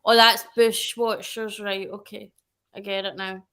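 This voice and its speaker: A woman's voice: medium pitch, little pitch movement, a little slow, sharp tone, smooth. A woman chatting casually as a guest on a livestream, rambling and correcting herself as she goes.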